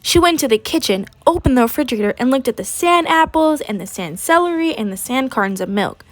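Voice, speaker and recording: Her voice sits high and moves a little fast as she reads a picture book aloud, acting out the characters with lively energy. She's a late-teen high school senior, recorded with no echo.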